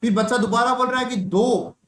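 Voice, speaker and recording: This man's voice sits extremely high, with fairly even intonation, a fairly quick delivery, and a fairly bright tone. He's teaching an online nursing exam class, sharing a story and quizzing students with repeated questions. The room is echoey, with faint ambience.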